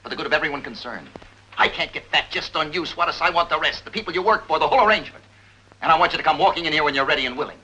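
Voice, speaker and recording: A blunt hard-driving police captain. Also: male voice, fairly high pitch, rapid-fire, husky. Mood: hard, pressing. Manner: clipped, forceful, hard-nosed interrogating. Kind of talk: 1950s film acting. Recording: dull lo-fi 1950s film audio.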